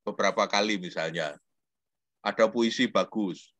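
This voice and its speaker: A man's voice: on the low side, moderate pace, dry recording. An older man giving a religious talk, telling stories and acting out dialogues. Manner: animated storytelling, acting out dialogues. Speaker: Islamic preacher and lecturer.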